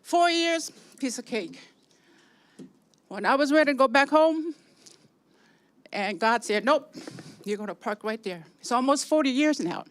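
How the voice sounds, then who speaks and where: A woman's voice: high-pitched, expressive, a little slow, long pauses, no echo. An older woman from San Francisco giving a rambling, chatty public comment at a city meeting, laughing between points.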